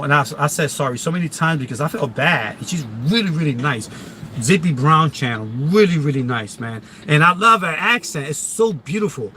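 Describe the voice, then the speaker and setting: Speaking with a Philadelphia accent, a man from that city talks casually on a live stream, emphatic and repetitive, restarting his sentences many times. His voice is on the high side with a sharp tone, and there's a little hiss or hum.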